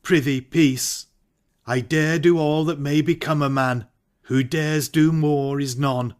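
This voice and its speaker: Man acting slow-spoken, conflicted Macbeth. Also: a little high, steady tone, smooth. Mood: defensive. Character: Macbeth, a hesitant, ambitious married nobleman plotting murder. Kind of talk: Shakespearean dramatic audiobook reading.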